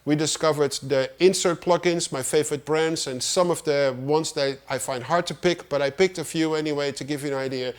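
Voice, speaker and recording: Man, middle-aged, music producer, studio tutorial, relaxed chatty delivery, slightly higher-pitched voice. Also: fairly quick, hardly any pauses, clear, resonant tone. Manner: relaxed, chatty, self-deprecating asides.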